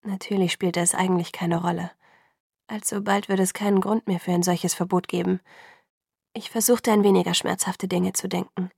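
A woman narrating a novel in a calm, even storytelling voice. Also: fairly low pitch, moderate pace, gravelly, husky, dry recording, clean studio sound. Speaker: audiobook narrator. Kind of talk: scripted narration.

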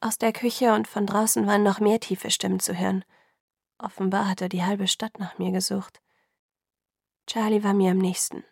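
A woman reads a first-person novel aloud in a steady, even voice. Her tone carries a gravelly, creaky grain. The recording is close and dry, with no room sound. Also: medium pitch, normal speed, dry recording. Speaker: audiobook reader.

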